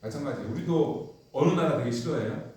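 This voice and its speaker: A man teaching a church Bible class, telling the story with lively energy and asking the class questions. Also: medium pitch, a little fast. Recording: echoey room from far off.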